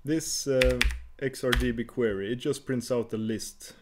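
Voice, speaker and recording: A man talks through a coding screencast in a mid-pitched voice, explaining each command as he types. He hesitates often and restarts his phrases, and keyboard clicks come through behind him. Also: fairly even intonation, a little slow, noisy background. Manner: hesitant, many fillers and restarts while typing. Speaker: tutorial host.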